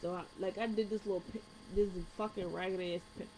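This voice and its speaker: A woman's voice: mid-range voice, fairly quick, poor audio. A young American woman telling a personal story casually to viewers, blunt and slangy, swearing freely and acting out the dialogue. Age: young adult. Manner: animated retelling, acting out dialogue. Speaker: vlogger telling personal stories. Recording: background hum and room noise.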